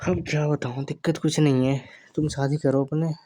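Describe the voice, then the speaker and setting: A man's voice: a little high, steady tone, normal speed, warm tone, a little hiss or hum. A young man on a staged romantic phone call, sulking and insisting he is fine. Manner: sulky, hurt, keeps insisting he is fine.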